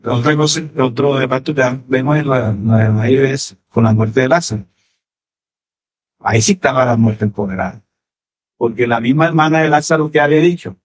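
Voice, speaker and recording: Male pastor, Colombian accent, mid-pitched, theatrical sermon delivery with sudden loud peaks and rhetorical tag questions. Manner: animated preaching, dramatic swings in pitch and loudness. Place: church.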